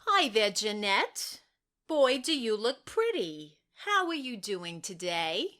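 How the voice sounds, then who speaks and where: A woman playing a gentle, patient social worker who coaxes a child softly. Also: on the high side, sing-song, full character voice. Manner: soft, coaxing, explains slowly.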